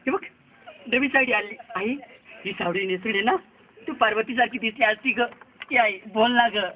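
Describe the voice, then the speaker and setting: A man's voice: high voice, moderate pace. A man, a devotional preacher, acting out a son wailing and pleading over his dead mother. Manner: wailing, pleading, often crying out. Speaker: kirtan preacher. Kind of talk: dramatized devotional storytelling. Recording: muffled, noisy recording.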